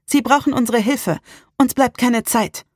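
A woman's voice: fairly high pitch, animated, fast, dry recording, pitched above the performer's own voice. A brave, resolute young woman, as a reader puts her on, urgent and unafraid. The voice is set somewhat above the reader's own, with a dry, close audiobook sound. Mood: determined.

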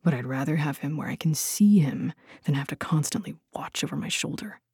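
A woman voicing a guarded young warrior who speaks in hushed, clipped whispers. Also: low-pitched, lively intonation, fairly quick, vocal fry, husky, no echo, clean studio sound, full character voice. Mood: hushed, wary.

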